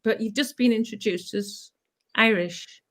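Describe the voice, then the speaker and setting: A middle-aged woman who teaches clowning, telling stories in a chatty, animated way. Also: on the high side, measured pace. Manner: chatty, animated storytelling with playful asides. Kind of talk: casual chat.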